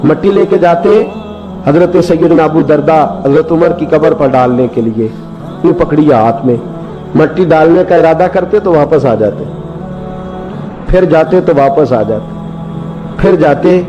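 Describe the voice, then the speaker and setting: A man preaching an Islamic sermon, telling stories with passion and building to high emotional peaks. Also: unhurried, long pauses. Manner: impassioned storytelling, rising to high emotional climaxes. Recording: dull lo-fi sound with background music. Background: background music.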